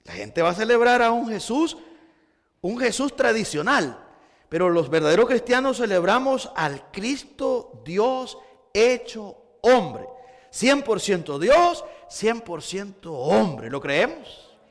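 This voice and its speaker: A man's voice: sits high, very animated, slow pace, big-room sound. A man preaching a sermon as pastor, with rising emphasis and frequent repeated starts. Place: church hall.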